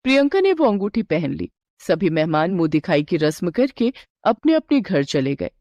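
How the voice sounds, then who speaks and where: A woman narrating a moral story in a steady, clear storytelling manner. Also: fairly low pitch, normal speed, dry recording, highs cut off.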